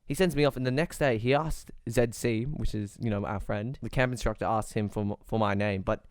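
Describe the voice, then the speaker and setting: A man's voice: fairly low pitch, fairly quick. A teenage man co-hosting a podcast, telling a story in a loose, rambling way with restarts. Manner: rambling, self-correcting storytelling with laughs. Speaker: podcast co-host. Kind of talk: casual storytelling.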